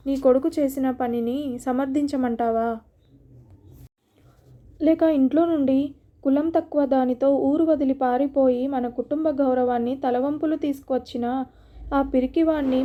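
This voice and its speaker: Brief: a woman doing a furious middle-aged landlord in a storybook reading, high soft voice, shouting threats. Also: steady tone, a little slow. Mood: raging. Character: proud angry middle-aged male village landlord.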